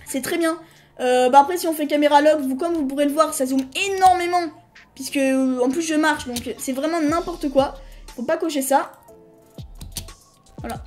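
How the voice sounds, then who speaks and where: Hosting a relaxed screen-recorded software tutorial, a woman with a high voice chats her way through it. She hesitates, starts sentences over, and apologizes to the audience from time to time.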